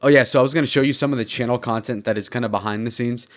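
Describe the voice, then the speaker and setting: Young guy on a stream, talks fast, sarcastic and rambly, mid-pitch voice. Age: young adult. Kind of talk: casual live-stream chat.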